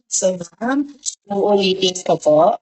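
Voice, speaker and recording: A woman's voice: medium pitch, lively intonation, slow pace, darkish tone, rough recording. A woman hosting a surprise gift delivery who talks very politely, putting "ma'am" at the end of nearly every phrase.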